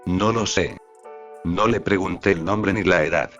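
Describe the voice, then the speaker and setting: A man voices a weary, terse adult man with a low voice, clipped and flat. The storybook recording is slightly dull, with soft background music. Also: a little slow. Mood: curt.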